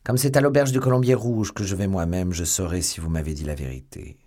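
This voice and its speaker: A man voicing a cold, powerful old cardinal who speaks low, hushed and measured in a storybook reading. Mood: cool, guarded.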